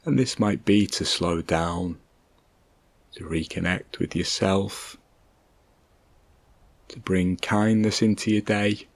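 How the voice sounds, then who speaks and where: In a deep voice, a man guides a meditation gently and calmly, giving short, measured instructions separated by long pauses. There's no echo.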